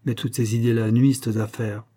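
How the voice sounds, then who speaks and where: A man's voice: mid-range voice, flat delivery, quick pace, mellow, lightly acted. A man reading the part of a brusque, self-important small-town mayor, in a dismissive tone.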